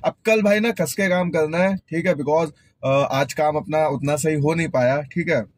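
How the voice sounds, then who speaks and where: A man's voice: on the high side, normal speed, slightly rough, no echo. Chatty young man vlogging about his driving day. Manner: chatty, addresses viewers as brothers and friends. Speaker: vlogger and ride-hailing driver. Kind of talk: casual vlog talk to camera.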